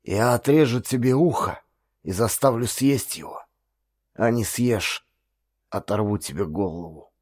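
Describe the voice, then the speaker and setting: Guy reading as a stern older village householder, gruff and scornful, bossy, a bit deep. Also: a little slow, darkish tone. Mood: menacing.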